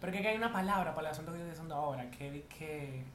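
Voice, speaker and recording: A man with a fairly high-pitched voice hosts a casual podcast chat, talking rapid-fire in a campy, playful manner and calling people "my love." The room is echoey, with faint noise.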